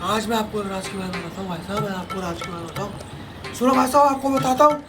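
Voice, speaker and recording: A man's voice: very high-pitched, fairly even intonation, normal speed. A man playing a gossipy meddling neighbor. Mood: gossiping. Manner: repeats "brother" every phrase, gossipy. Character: gossiping middle-aged male neighbor, meddling and insistent. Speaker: comedy sketch actor. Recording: loud background music.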